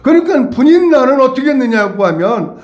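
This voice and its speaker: A man's voice: very high voice, sing-song, a little fast, darkish tone. A male pastor preaching a sermon to his congregation, emphatic and repeating key words, with many questions to his listeners. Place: church sanctuary. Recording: echoey church hall.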